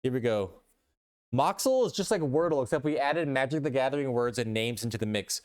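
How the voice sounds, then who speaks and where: A man's voice: mid-range voice, animated, a little fast. A man streaming live, chatting casually with his chat in a rambling way and reading posts aloud.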